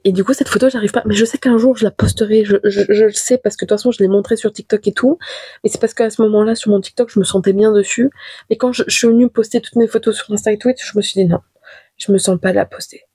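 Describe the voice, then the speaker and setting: A woman's voice: medium pitch, warm tone, slightly rough, dry recording. A young woman hosting a casual confessional podcast from her bedroom, chatty and rambling, with lots of fillers and restarts. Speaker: podcast host.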